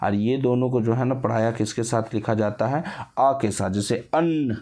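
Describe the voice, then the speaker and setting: A man's voice: mid-range voice, fairly even intonation, normal speed, darkish tone. A male teacher giving an exam-prep lesson, who calls his viewers friends and answers his own questions, drawing out vowels to show how they sound.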